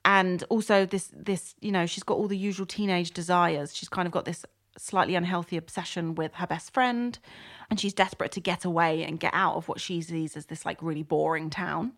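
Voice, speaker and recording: A woman's voice: lowish voice, fairly even intonation, brisk, fairly bright tone. A woman co-hosting a book podcast, chatting casually with many fillers and restarts. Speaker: podcast co-host.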